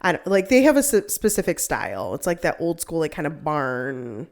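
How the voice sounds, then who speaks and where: A woman's voice: deep voice, big pitch swings, moderate pace. A young woman co-hosting a casual chat, rambling with lots of "like" and frequent laughter. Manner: rambling, heavy use of "like", laughs often. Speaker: co-host.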